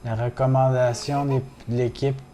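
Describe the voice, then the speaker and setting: A man's voice: mid-range voice, flat delivery, moderate pace, dark tone. A man with a Québécois accent, chatting casually to viewers while streaming a game and swearing often. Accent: Québécois French. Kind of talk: casual gaming livestream chat.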